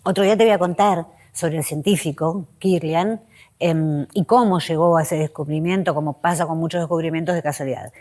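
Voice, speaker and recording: A woman hosting a reflective spiritual talk, speaking in pausing, list-like phrases that often drop softly in pitch. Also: steady tone. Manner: slow, pausing, list-like delivery with soft drops in pitch. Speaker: host.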